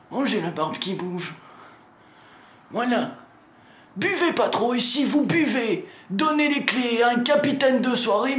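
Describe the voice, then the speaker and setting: A channel host announces meetups through a heavily acted comic character, a grumpy, foul-mouthed old riddle-keeper who lives in a lighthouse. His very high voice sounds pushed and bright as he grumbles and scolds the viewer through a sore throat, all in a reverberant space.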